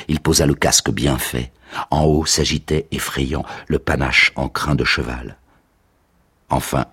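Old grieving mentor, radio drama, rough gravelly voice, hushed whispered phrases. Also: male voice, very deep voice, no echo, exaggerated voice. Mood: solemn. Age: older. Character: grieving old male tutor Phoenix, remembering the war. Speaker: narrator of a radio reading.

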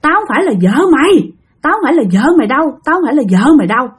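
A woman voicing a hoarse, threatening ghost that has possessed a wife, talking fast and taunting. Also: high-pitched, big pitch swings, pitched above the performer's own voice. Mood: denying. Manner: rapid, raised and taunting.

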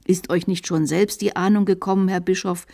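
A stern, zealous priest with a sawing voice, as a woman reads him aloud. He speaks gravely and insistently, pressing each warning home. It sounds like a storybook reading for radio. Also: lowish voice, fairly even intonation, a little fast, dark tone. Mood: insistent hush.

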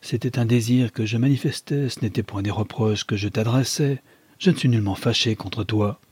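A man's voice: on the low side, normal speed, breathy edge, no echo. Man voicing a soothing, dismissive husband. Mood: patronizing. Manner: calm, patronizing reassurance.

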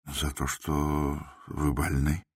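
Man doing timid doctor, middle-aged, gentle, hushed, very deep, dry sound, audiobook. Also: little pitch movement, slow pace, slightly rough, no echo, heavily acted. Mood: apologetic. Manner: gentle, apologetic, quiet. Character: meek, soft-spoken middle-aged male doctor. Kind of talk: audiobook character voice.

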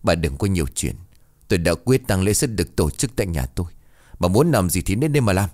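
A drunk, callous husband snarls rude and dismissive lines, as a male narrator voices him. His voice is low and deep, with lively swings in pitch. The sound is dry and close, with no room in it. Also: fast, dry recording. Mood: scornful.

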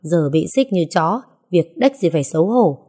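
Gruff middle-aged man voiced by a woman, blunt, curt, low, mellow tone, audio story. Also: expressive, moderate pace.

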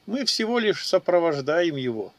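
A man's voice: on the high side, sing-song, normal speed, no room sound, voice pushed up. A man doing a sweet-talking warrior. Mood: ingratiating. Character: smooth-talking lustful male warrior, coaxing.

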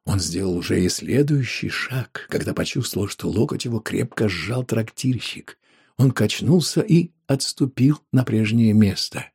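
A man narrating an audiobook in a measured, grave way. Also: on the low side, animated, vocal fry, a little mellow, husky.

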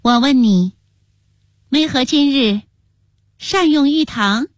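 A woman storyteller voicing a haughty, jealous young empress who scolds scornfully in high, sharp tones. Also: slow pace, no room sound, studio quality. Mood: scornful, scolding.

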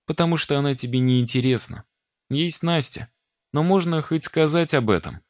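A man's voice: a little high, animated, moderate pace, no room sound, studio quality, pitched above the performer's own voice. A man voicing a young woman who scolds and teases a friend. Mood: scolding. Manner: scolding, teasing. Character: snorting teasing young woman.

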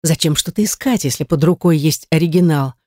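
A woman's voice: low-pitched, a little fast, mellow, dry recording, studio quality. A woman voicing a cold, contemptuous rich husband in an audiobook, speaking in curt, scornful lines.

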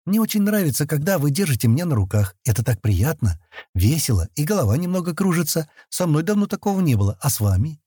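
A man putting on a soft, curious young woman. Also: on the high side, sing-song, quick pace, slightly rough, no echo, clean studio sound, voice pushed up. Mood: gentle. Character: gentle curious young woman, dreamy and sweet. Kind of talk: audiobook reading.

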